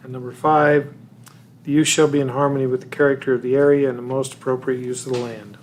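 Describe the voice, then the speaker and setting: A man on a city council, deliberately reading out a formal motion full of legal wording. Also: mid-range voice, level tone, a little hiss or hum.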